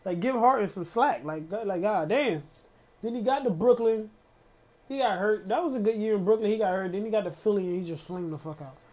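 A man's voice: high-pitched, a little fast, darkish tone. A man hosting a casual solo podcast, ranting in a heated, profane way with lots of slang and fillers. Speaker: podcast host.

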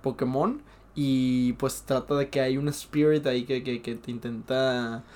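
A man's voice: medium pitch, steady tone, a little slow, a little mellow. A young man with a Mexican Spanish accent, co-hosting a casual chat and rambling, stammering and repeating words often. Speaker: podcast co-host.

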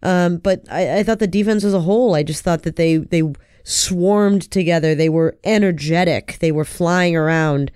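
A man's voice: fairly high pitch, moderate pace, hardly any pauses, darkish tone, smooth, no room sound, clean studio sound. A man co-hosting a sports podcast with casual, earnest commentary, repeating phrases for emphasis while under the weather with a cold.

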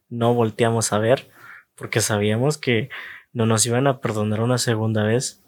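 A man telling an anecdote in short phrases with pauses, acting out the voices of the people in it. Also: medium pitch. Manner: acts out the voices of people in his story. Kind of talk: storytelling anecdote.

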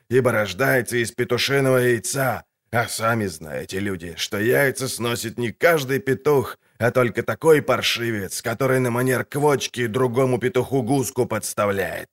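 Man doing a gravelly, loud fairground huckster. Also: mid-range voice. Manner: barking, folksy huckster patter. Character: boastful pockmarked male fairground showman, crude and loud. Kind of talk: audiobook character voice.

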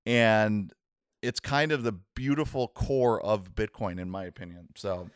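A man explaining a technical subject in a casual interview, talking in halting bursts with many restarts and "right?" checks. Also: lowish voice, smooth, no echo, studio quality. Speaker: guest explaining Bitcoin.

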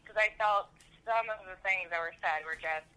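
A woman from Pennsylvania calling in to a podcast, heard over a phone line, chatty and candid, and quick to laugh. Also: fairly low pitch, pushed and bright, clear, resonant tone. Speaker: listener calling in.

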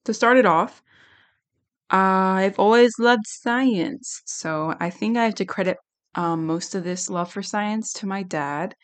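A young adult woman hosting a casual solo podcast, giggly and rambling, with a slightly hoarse, worn-out voice. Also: lowish voice. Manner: giggly, rambling, self-deprecating. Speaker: podcast host.

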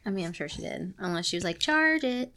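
A woman's voice: fairly low pitch, flat delivery, racing. A woman hosting a show, reading a story aloud and breaking off for playful, sarcastic comments. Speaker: podcast host reading stories aloud. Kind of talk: casual reading aloud with joking asides.

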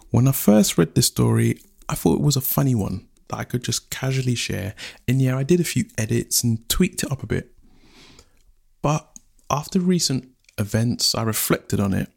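A man telling a folktale and reflecting on its meaning. He speaks slowly and deliberately, at a middle pitch. His voice has a gravelly, creaky texture. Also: darkish tone. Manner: slow, deliberate delivery. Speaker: storyteller. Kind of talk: storytelling narration and reflection.

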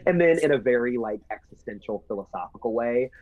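A man's voice: medium pitch, animated, a little fast, no echo, narrow, tinny audio. A man talking as a podcast guest in casual, upbeat, reflective conversation.

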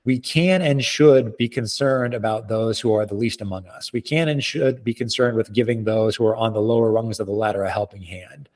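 A man speaking as an expert interview guest, explaining in articulate, measured, formal phrasing. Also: lowish voice, a little mellow.

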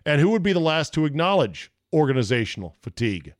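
A man's voice: a little high, sing-song, quick pace, no room sound. Laid-back man in his fifties, dry studio sound. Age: 50s. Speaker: podcast and sports radio host. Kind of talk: freewheeling solo podcast talk, reading listener emails.

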